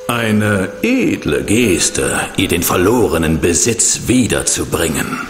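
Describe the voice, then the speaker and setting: Echoing, very slow old fox spirit. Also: male voice, deep voice, full character voice. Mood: solemn warning. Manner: slow, grand, chuckling delivery. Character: ancient blind fox spirit guardian, amused and solemn. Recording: echoing voice over music.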